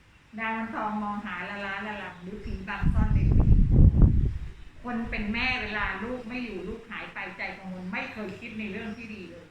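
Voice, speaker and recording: A woman's voice: medium pitch, steady tone, normal speed. A woman teacher explaining classical verse to her class in plain talk, acting out the characters' thoughts. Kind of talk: classroom lesson on Thai literature. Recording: distant, muffled, echoey, noisy.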